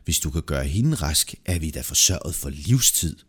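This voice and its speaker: A man's voice: very deep voice, animated, husky, pitched below the performer's own voice, full character voice. A man voicing a sly, greedy male wanderer who boasts and lies, with a brash, wheedling manner in a read-aloud folk tale. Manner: brash, wheedling, yelps when scared.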